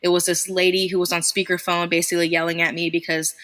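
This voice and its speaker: A woman's voice: on the low side, level tone, fast talker, a bit bright. A young woman guest telling her story in a candid, chatty, self-deprecating way, laughing often. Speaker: podcast guest, small business founder.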